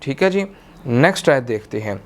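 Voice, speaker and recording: A man with a Pakistani Urdu accent teaching tajweed, chanting verses in long drawn-out tones and then explaining each rule briskly, often checking in with "theek hai". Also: medium pitch, big pitch swings. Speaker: Quran recitation teacher. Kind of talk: tajweed lesson, slow chanted recitation then quick explanation.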